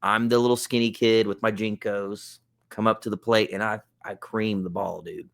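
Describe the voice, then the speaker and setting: A man in his thirties, a podcast guest, telling stories casually and excitedly. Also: on the low side, moderate pace, creaky. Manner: excited storyteller, acting out quotes.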